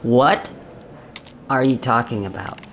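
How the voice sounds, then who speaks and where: A man's voice: mid-range voice, slow pace, a little hiss or hum, lightly acted. A man playing a baffled male coworker who stammers awkwardly and humors a colleague. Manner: awkward, stammering, laughing along.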